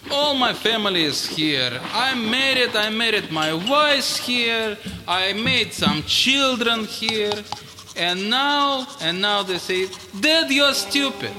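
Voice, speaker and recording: A man playing a grumpy middle-aged immigrant father with a Moldovan accent, talking in blunt, deadpan broken English for a comedy sketch. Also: high-pitched, slow pace, noisy background. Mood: gruff. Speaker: immigrant neighbor character.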